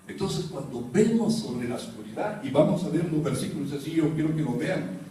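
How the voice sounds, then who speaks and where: A man's voice: on the high side, lively intonation, fairly quick, dark tone. A man preaching a sermon as pastor, teaching and putting questions to his congregation. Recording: roomy echo, mic far off, faint room noise.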